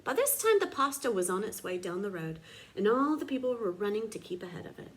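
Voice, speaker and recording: A woman reading a children's storybook aloud in an expressive, dramatic teacher's manner. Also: mid-range voice, a little fast, a little hiss or hum.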